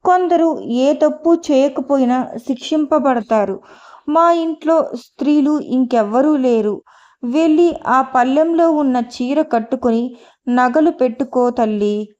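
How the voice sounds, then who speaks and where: A woman doing a gentle, dignified older mother. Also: high-pitched, measured pace, highs cut off. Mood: warm, tender. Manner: gentle, affectionate and soothing. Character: kind, dignified older mother welcoming her son's bride. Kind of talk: audiobook character dialogue.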